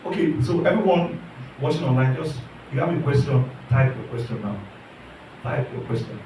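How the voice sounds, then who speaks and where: Earnest and prone to repeating himself, this man runs an online class and keeps putting questions to his students. He speaks at a moderate pace in a warm, expressive, mid-range voice. There's a little hiss or hum, and he sounds distant in an echoing room.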